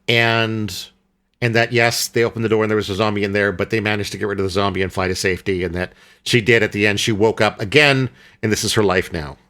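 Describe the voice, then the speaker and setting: A man with a fairly low voice co-hosts a casual film podcast. He rambles in an easygoing way, restarting sentences and filling pauses with "uh" and "um" as he works out his thoughts. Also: a bit bright. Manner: rambling, hesitant with many fillers and restarts. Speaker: podcast co-host.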